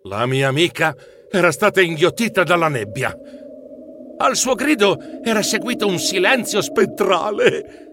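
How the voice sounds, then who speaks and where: A man narrating a children's storybook in an animated, dramatic way. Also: sits high, unhurried, a little hiss or hum. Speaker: audiobook narrator.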